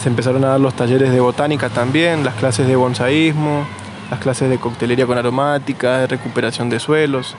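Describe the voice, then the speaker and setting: An Argentine man being interviewed outdoors, talking in a relaxed, rambling way with fillers and restarts. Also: medium pitch, fairly quick, background noise. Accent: Argentine Spanish. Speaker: interviewee, nursery co-founder. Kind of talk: casual conversational interview.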